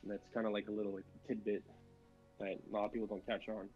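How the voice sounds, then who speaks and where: A man's voice: fairly low pitch, flat delivery, quick pace, muffled recording, faint music behind. Rambling man in casual gaming chat. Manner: rambling, many fillers and restarts. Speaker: co-host.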